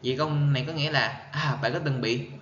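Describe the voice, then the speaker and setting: A male English teacher with a Vietnamese accent, giving an exam-prep lesson. He reads words out carefully, repeats them for pronunciation and explains in quick bursts. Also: medium pitch, fairly bright tone, reverberant, muffled recording, slight background noise. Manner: reads answer options slowly, then explains in quick bursts.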